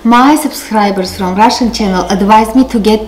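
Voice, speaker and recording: A woman's voice: mid-range voice, normal speed, a little mellow, slight background noise. A middle-aged woman with an Armenian accent, talking casually as she tastes food in a family vlog, still a little sick. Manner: chatty, tasting and commenting on food. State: recovering from a cold. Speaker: vlog host. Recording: echoey kitchen with background music.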